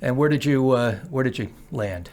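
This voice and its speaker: A man's voice: medium pitch, normal speed, darkish tone. A man hosting an interview show, introducing a guest and prompting with short follow-up questions. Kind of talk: podcast interview.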